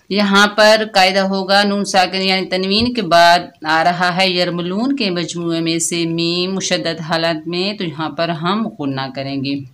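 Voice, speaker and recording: A woman's voice: lowish voice, a bit bright. A woman teaching Quran recitation, patiently explaining each letter step by step.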